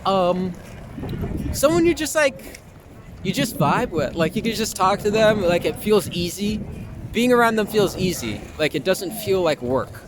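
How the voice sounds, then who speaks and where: A young adult actor and performer from Long Island, New York, gives a casual street interview outdoors in an urban public spot, informal, opinionated and mildly profane. His high voice has a sing-song, unhurried quality, and loud music plays behind him on the noisy street.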